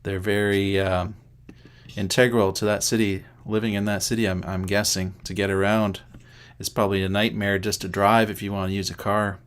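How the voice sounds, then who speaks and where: A man's voice: lowish voice, level tone, normal speed, clear, resonant tone. A middle-aged man from Canada hosting a casual livestream, chatting to viewers by name and thinking aloud as he sets things up. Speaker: livestream host.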